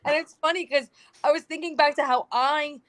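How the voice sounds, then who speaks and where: Young woman from New York, lively storyteller, casual podcast roundtable guest. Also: high voice, a little fast. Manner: chatty, animated storytelling with quoted asides.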